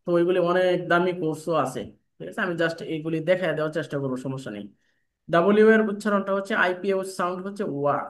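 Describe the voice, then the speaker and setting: A man's voice: high-pitched, fast. A man teaching a spoken English class, explaining step by step and checking often that students follow. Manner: explains step by step, asks "ঠিক আছে?" often. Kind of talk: online class lecture.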